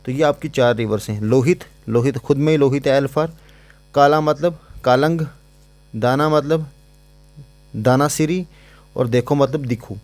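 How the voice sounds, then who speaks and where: A man's voice: medium pitch, measured pace, pauses often, a little mellow, no echo. A man teaching an exam-prep lecture in a casual, chatty way, repeating points and giving memory codes.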